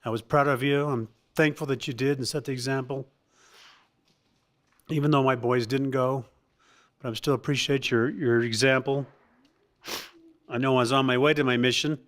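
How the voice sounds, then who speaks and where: Middle-aged man reminiscing haltingly. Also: mid-range voice, steady tone, fairly bright tone. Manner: halting, reminiscing, many restarts and laughs. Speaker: son giving a family tribute. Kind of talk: speech at a family birthday gathering.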